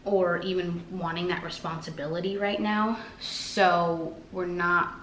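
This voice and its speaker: A woman's voice: lowish voice, little pitch movement, a little slow, fairly bright tone. A woman vlogger chatting casually, rambling with many fillers. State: out of breath. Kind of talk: casual chat. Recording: echoey room, faint noise.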